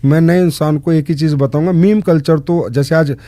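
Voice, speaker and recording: A man's voice: fairly high pitch, fairly even intonation, moderate pace, warm tone, no room sound, studio quality. A man answering interview questions in an earnest way, stressing points with short repeated commands. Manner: emphatic, lists short commands. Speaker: guest in direct selling.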